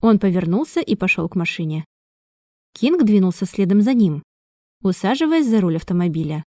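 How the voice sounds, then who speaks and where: A woman reading a thriller audiobook in an even, measured way. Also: medium pitch, dry recording, clean studio sound. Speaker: audiobook narrator. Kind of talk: scripted narration.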